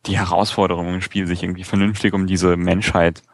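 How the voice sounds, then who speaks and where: A man with a lowish voice co-hosts a gaming podcast, explaining a game in a lively, good-humoured way. The sound is dry and close, with no room around it. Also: brisk, dry recording. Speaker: podcast co-host. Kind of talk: casual podcast chat.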